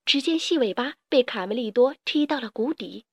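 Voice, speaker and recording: A woman storyteller reading a children's story aloud with lively expression. Her voice sits high, and the recording is close and dry with no room sound. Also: moderate pace, dry recording, lo-fi sound.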